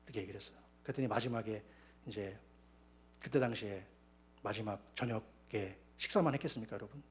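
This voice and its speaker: A man preaching a sermon as pastor, telling his own story with lively storytelling. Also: lowish voice, a little fast. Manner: animated storytelling, acting out quoted voices. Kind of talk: sermon with personal testimony. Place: church sanctuary.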